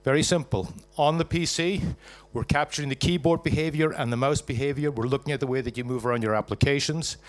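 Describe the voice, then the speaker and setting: A Scottish man delivers a live startup pitch to an audience, fast and with hardly any pauses. He's jokey and punchy, posing questions and answering them himself.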